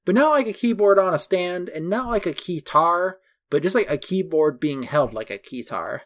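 A man's voice: high voice, lively intonation, normal speed, a bit bright. Chatty man recapping a film. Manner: chatty, detailed, goes through costumes item by item. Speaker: podcast co-host. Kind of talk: casual film recap chat.

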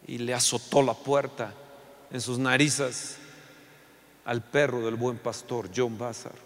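A man preaching a passionate sermon, swinging between loud outbursts and hushed storytelling. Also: mid-range voice, level tone, slow pace, big-room sound.

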